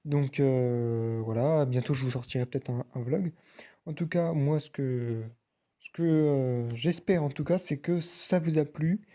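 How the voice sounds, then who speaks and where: Chatty French man, mellow voice. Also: mid-range voice. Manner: chatty, halting with fillers. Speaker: vlogger. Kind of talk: casual outro to camera.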